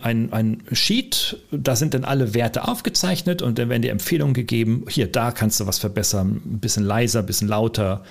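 Gravelly-voiced man, animated and rambling. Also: medium pitch. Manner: animated, rambling, many fillers and restarts. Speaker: podcast co-host, lecturer. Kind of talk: casual conversational podcast talk.

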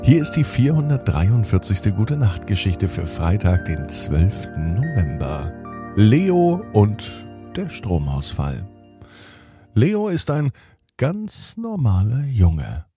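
A man gently narrating a bedtime story and talking straight to children. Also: lowish voice, wildly swooping pitch, takes it slowly, over music. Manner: gentle, addresses children directly.

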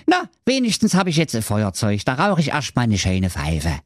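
A man's voice: mid-range voice, wildly swooping pitch, normal speed, no echo, clean studio sound. A man voicing a boastful, bossy young ex-conductor in a comic fairy tale read aloud. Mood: grumbling. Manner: brash and demanding.

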